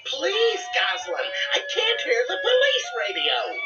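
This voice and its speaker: A man's voice: very high voice, wildly swooping pitch, a little slow, recorded from a distance, lo-fi sound, over loud music, exaggerated voice. A man voicing a pompous, theatrical cartoon duck superhero in an audio storybook. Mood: exasperated.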